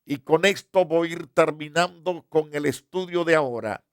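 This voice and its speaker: A man preaching as a pastor, giving a Bible study and reading scripture slowly and deliberately. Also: fairly high pitch, no room sound, studio quality.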